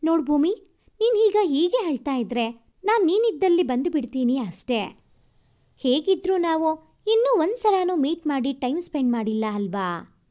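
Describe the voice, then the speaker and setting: A woman's voice: high-pitched, big pitch swings, moderate pace, warm tone. A woman voicing an anxious, caring young man who pleads and soothes in a spoken storybook. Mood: worried, coaxing.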